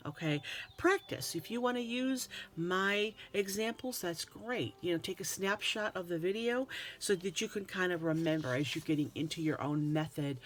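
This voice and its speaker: A woman giving a casual tutorial on Bible journaling, reading verses aloud and often repeating words and restarting as she explains. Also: fairly low pitch.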